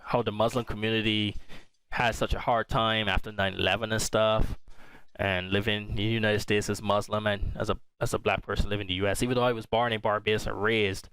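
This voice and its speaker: Young male podcast host, low and smooth, rambling casual review chat, faint music under him. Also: level tone, brisk, fairly bright tone, no echo. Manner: rambling, easygoing, often restarts his sentences.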